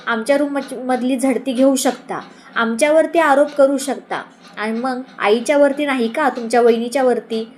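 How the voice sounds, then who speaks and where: A woman's voice: high-pitched, moderate pace, darkish tone, lightly acted. A woman voicing a scheming middle-aged aunt who argues and accuses in a raised voice. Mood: indignant. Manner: accusing, argumentative.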